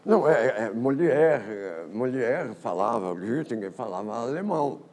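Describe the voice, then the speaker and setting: An older man gives a physics colloquium talk on history in a lecture auditorium, halting often with repeated words and false starts. His medium-pitched voice is animated, with a darkish tone.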